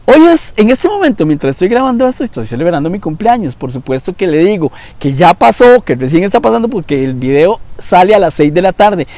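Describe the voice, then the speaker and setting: A man in his fifties preaching a devotional Bible lesson, his voice swinging from bursts of emphasis to quiet asides. His voice sits fairly high but sounds mellow and warm. The recording is dry and close. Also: a little fast, few pauses, dry recording. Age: 50s. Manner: animated, shifting between loud emphasis and quiet asides.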